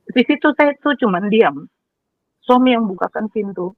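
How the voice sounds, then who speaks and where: A woman tells her personal story in a high, lively voice. She acts out what people said and repeats words when she gets worked up. The sound is dry and thin, like it's coming through a phone line. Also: normal speed, dry recording. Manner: animated, re-enacts dialogue with repeated words. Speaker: guest sharing her conversion story.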